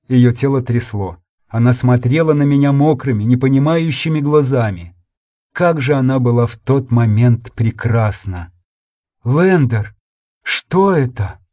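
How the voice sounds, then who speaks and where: A man's voice: mid-range voice, dark tone, no room sound, clean studio sound. A man reading a first-person sci-fi audiobook in an intense, dramatic storytelling manner. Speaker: audiobook narrator.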